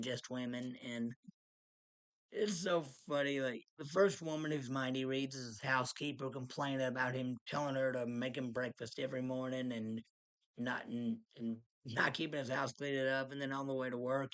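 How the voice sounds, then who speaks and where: A man's voice: mid-range voice, fairly bright tone. A man casually reviewing a movie, rambling with frequent restarts and small chuckles.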